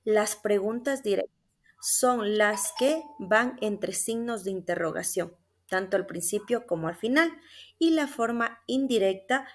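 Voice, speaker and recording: A young woman with an Ecuadorian Spanish accent gives a class presentation from slides. She explains step by step and reads the examples aloud. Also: on the high side. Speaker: student presenter.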